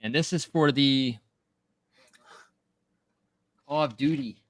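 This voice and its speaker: A man's voice: medium pitch, takes it slowly, no room sound. A man hosting a giveaway on a live stream, stop-start, checking in with "okay?". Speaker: host.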